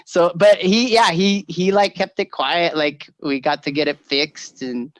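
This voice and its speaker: A middle-aged man co-hosting a podcast, telling stories in a lively way, acting out the quoted voices and laughing often. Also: fairly high pitch, measured pace, no room sound. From Northern California. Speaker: podcast co-host. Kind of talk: casual storytelling chat.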